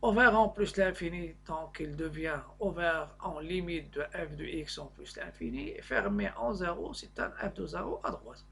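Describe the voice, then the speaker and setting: Man, maths teacher, high-set voice, gravelly fry, halting step-by-step explanation. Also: pushed and bright. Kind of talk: explaining a worked maths lesson.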